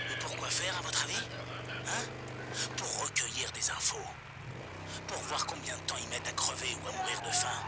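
An actor playing a paranoid male pirate radio host, ranting conspiratorially over a radio broadcast, swinging from hushed tones to shouts. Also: medium pitch. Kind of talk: dubbed video game dialogue.

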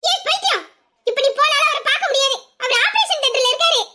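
A woman voicing a policewoman and older sister who speaks steadily to reassure and calm others. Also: very high voice, quick pace, heavily acted. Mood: soothing worry. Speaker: police officer. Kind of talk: Tamil audio drama acting.

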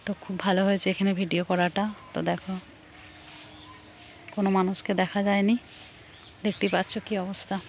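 Hushed woman vlogging outdoors. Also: medium pitch, little pitch movement, brisk, pauses often, dull audio. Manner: soft, hushed, chatty. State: cold and shivering. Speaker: village vlogger. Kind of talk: casual vlog walkthrough. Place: outdoors in foggy fields at dawn. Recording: faint outdoor noise.

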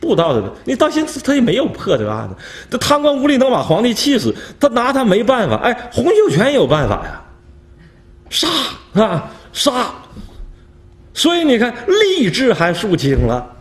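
A man's voice: extremely high pitch, huge pitch swings, a little fast, hardly any pauses. A male history professor gives a storytelling lecture, posing rhetorical questions and chuckling at his anecdotes. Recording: roomy lecture hall echo.

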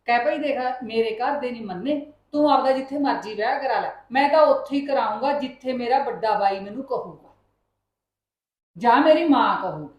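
A woman's voice: fairly high pitch, moderate pace, darkish tone, close to an everyday voice. A woman playing a coaxing mother in an echoey room. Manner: coaxing, motherly, rising to firm scolding. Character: middle-aged mother, calm then firm with her son. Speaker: mother in a short film.

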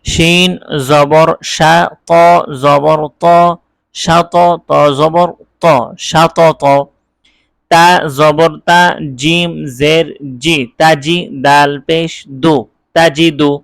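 A male Quran teacher leads a recorded spelling lesson, sounding out each letter and vowel mark slowly and distinctly. His voice sits a little high for a man. The recording is dry and close, with no room sound. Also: flat delivery, creaky, a bit bright, clean tone, dry recording. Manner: quick, explanatory talk between the drills.

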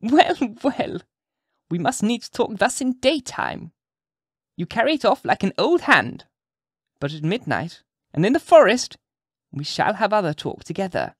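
A man's voice: high-pitched, sing-song, a little slow, breathy edge, dry recording, clean studio sound, pitched above the performer's own voice, heavily acted. A man voicing a grand, sly old witch woman who cackles and speaks with crafty knowingness. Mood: sly, insinuating.

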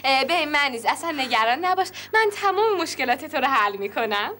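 An actress playing a brisk, practical woman who comforts her sister. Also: high voice, animated, bright, forceful tone, a little hiss or hum. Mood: reassuring. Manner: brisk and reassuring.

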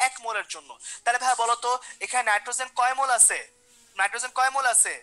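Woman teacher, quick and high-pitched, coaxing and repetitive. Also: bright, forceful tone, low-quality recording. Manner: repeats questions, coaxes students by name. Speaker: chemistry teacher. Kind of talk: online class lecture.

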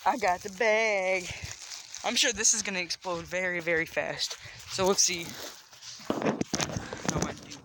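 A man vlogging casually into a phone he holds, rambling and excitable as he moves between indoors and outdoors. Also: high-pitched, unhurried, pauses often. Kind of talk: casual vlog narration. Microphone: phone held in hand. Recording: loud background noise.

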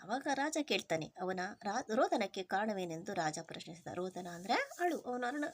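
A woman's voice: medium pitch, big pitch swings, moderate pace. A woman teacher who reads a textbook story aloud, then retells each line in simple everyday words. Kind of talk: reading and explaining a textbook lesson.

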